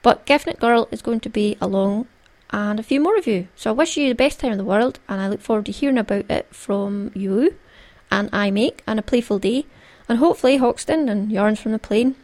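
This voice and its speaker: A woman's voice: on the high side, brisk, a little mellow. A Scottish woman hosting a solo craft podcast in a playful, conversational, jokey way. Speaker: podcast host.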